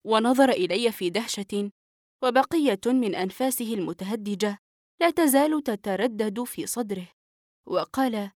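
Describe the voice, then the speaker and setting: Steady woman narrating a novel. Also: fairly high pitch, normal speed, no room sound, studio quality. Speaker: audiobook narrator.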